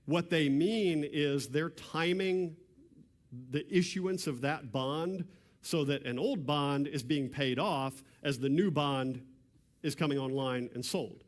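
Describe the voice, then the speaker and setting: A man giving a public seminar talk in a church hall, conversational, often clearing his throat. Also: fairly high pitch, slow pace. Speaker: property tax presenter. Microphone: handheld or stand mic, cutting out at times.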